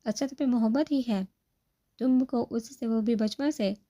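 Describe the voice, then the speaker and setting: A woman's voice: fairly high pitch, dark tone, voice pushed up, natural voice. A woman reading the part of an anxious young man who presses his friend with worried questions, in a storybook narration.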